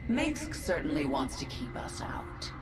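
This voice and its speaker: Low, echoing ruthless swarm queen. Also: big pitch swings, unhurried, whispered, exaggerated voice. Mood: determined, commanding. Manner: commanding, menacing. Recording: echoing game voice under loud music.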